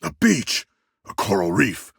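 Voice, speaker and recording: A man voicing a huge, earnest, proudly ferocious shark-man warrior in a video game, with gravelly, stiffly formal and grandiose diction. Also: lowish voice, wildly swooping pitch, measured pace, dry recording, clean studio sound, exaggerated voice. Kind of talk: video game character battle barks.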